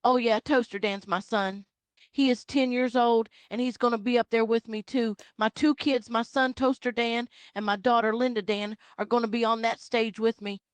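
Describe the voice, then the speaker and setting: A woman's voice: fairly high pitch, fairly even intonation, normal speed, smooth, no room sound, natural voice. A woman voicing a rambling Southern mom. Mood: earnest. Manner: rambling, repetitive, earnest. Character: loud proud Southern Baptist mom in her forties.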